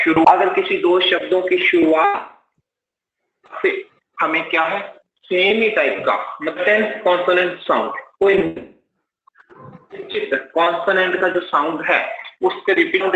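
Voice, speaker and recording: A man's voice: high voice, noisy background. A man with an Indian English accent teaching a live exam-prep class, explaining step by step and asking and answering his own questions. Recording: roomy, slightly dull live-class audio.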